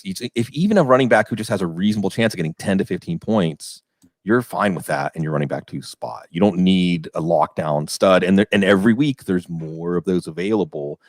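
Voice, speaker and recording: A man's voice: sits low, no room sound. A man from western Pennsylvania hosting a fantasy football podcast, rambling and asking questions in a casual chat. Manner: talkative, rambling, asks questions.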